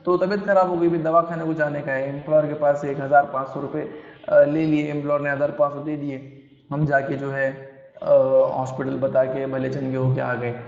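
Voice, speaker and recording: A man's voice: on the high side, level tone, a little fast. A man who teaches salary basics in a chatty way, using everyday examples. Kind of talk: explaining a salary lesson in casual speech. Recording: echoey room, dull lo-fi sound.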